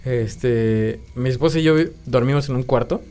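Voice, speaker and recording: A man's voice: medium pitch, moderate pace, dark tone, smooth. A man with a Mexican accent, hosting a podcast and telling a story in slangy casual chat. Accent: Mexican Spanish. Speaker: podcast host. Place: home studio.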